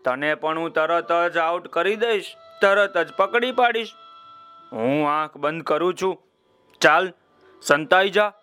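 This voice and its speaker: Storybook elephant, male, huge, naive, slow and proud, read by a man. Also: on the high side, sharp tone, soft background music. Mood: confident. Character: big good-natured male elephant, simple and proud.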